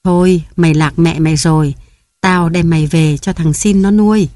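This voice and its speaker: A woman voicing a kindly old village woman, gentle and firm, in a storybook reading. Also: on the low side, fairly even intonation, moderate pace, no echo, clean studio sound, natural voice. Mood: tender.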